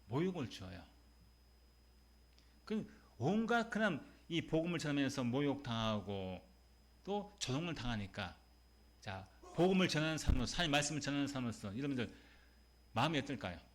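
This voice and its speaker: Lively-voiced pastor preaching. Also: male voice, medium pitch, brisk, long pauses. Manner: emphatic, repeats words, asks the congregation questions. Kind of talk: sermon. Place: church sanctuary.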